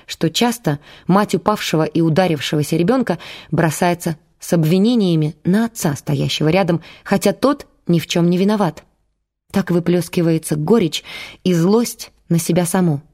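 A woman narrating an audiobook in a measured, dramatic storytelling manner. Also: fairly low pitch, mellow.

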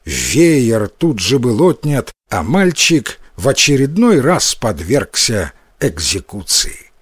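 A man narrating a folk tale as an expressive storyteller, voicing the characters himself. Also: mid-range voice, takes it slowly, breathy edge, no room sound, studio quality. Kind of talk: storybook reading.

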